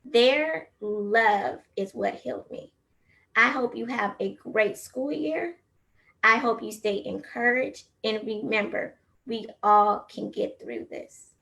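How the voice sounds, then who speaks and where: Slow, gravelly-voiced encouraging woman teacher. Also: fairly high pitch, fairly bright tone. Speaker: teacher and keynote speaker. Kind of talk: personal testimony speech.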